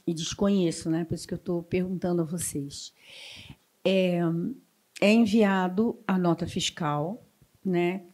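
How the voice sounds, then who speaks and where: A woman's voice: on the low side, fairly even intonation, measured pace, darkish tone. A woman in the audience asking the panel a question, hesitantly explaining her situation. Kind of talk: question from the floor.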